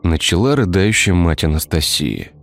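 A man narrating a dark village tale in a scripted storytelling style. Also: sits low, very animated, moderate pace, creaky. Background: faint music.

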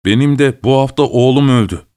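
Guy reading as lonely old cab driver, halting and subdued, story voice. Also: medium pitch, mellow, clear, resonant tone, close to an everyday voice. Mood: grieving.

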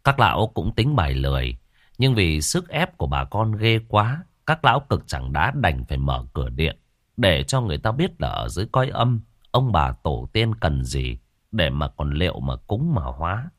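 Expressive male storyteller. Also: low-pitched, normal speed, no echo, clean studio sound. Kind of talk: dramatic ghost story narration.

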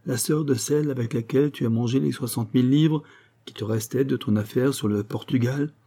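A man reading an audiobook voices a scornful, sharp-tongued young mother, mocking and quick to anger. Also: medium pitch, husky. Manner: mocking, exasperated.

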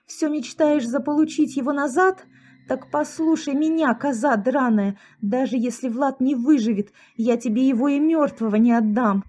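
A woman's voice: high-pitched, moderate pace, voice pushed up. Woman doing a furious grieving young woman. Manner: shouts in fury, then whispers in grief.

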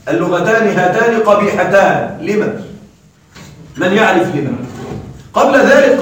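A man teaching grammar in a classroom lecture, quizzing his students with quick questions. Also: high-pitched. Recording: very echoey room, mic far off.

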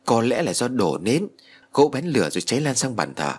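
A man's voice: medium pitch, very animated, fairly quick, a little mellow, husky. A man voicing a young nephew who explains hesitantly. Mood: flustered. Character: young nephew, unsure and flustered.

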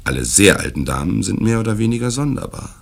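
A man's voice: fairly low pitch, big pitch swings, quick pace, pitched above the performer's own voice, full character voice. A man reading the part of a suave, evasive asylum director in a dramatic reading of a classic tale. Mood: insistent. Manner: smooth, insistent, courteous yet brusque when crossed.

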